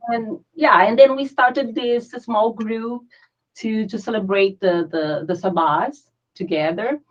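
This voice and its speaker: A woman's voice: on the high side, slow. A woman from Brazil, with a Brazilian Portuguese accent, speaking as a guest in a casual interview, earnest and chatty, sometimes searching for words. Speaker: guest, founder of a pagan community. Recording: dull lo-fi audio.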